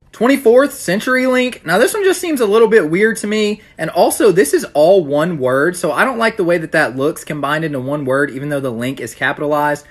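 A man's voice: sits high, fairly bright tone. A young man in his twenties ranking things in a talking-head video, opinionated with a dry, sarcastic edge, filmed on a phone at arm's length. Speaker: vlogger.

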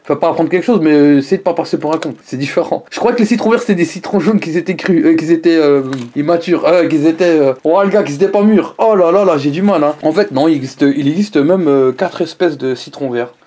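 A man reviewing food in a casual vlog, chatting to the camera at home with lively exclamations and asides to his viewers. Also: fairly high pitch, quick pace, hardly any pauses, slight background noise.

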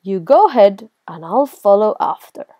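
A woman's voice: medium pitch, lively intonation, normal speed, no echo, dull audio. A woman voicing a big, lumbering, gullible monster in a children's storybook, with an emphatic, theatrical delivery. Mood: menacing, amused.

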